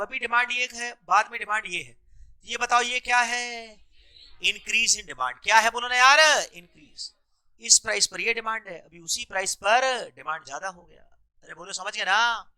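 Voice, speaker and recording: A man's voice: extremely high pitch, normal speed, sharp tone, smooth. A male economics teacher lecturing a class, mixing terms into his speech and constantly prompting students to answer back. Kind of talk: classroom lecture with call-and-response questions.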